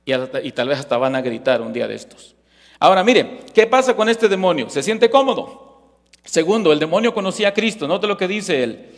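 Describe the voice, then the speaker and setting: A man's voice: high-pitched, big pitch swings, brisk. A male pastor preaching a sermon in a church, emphatic and full of rhetorical questions, often checking in with "ok?". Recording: echoey hall reverb.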